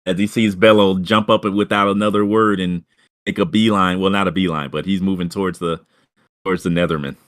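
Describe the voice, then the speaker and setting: A man narrating as game master of a tabletop game, halting with many fillers and restarts. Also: sits low, steady tone, a bit bright.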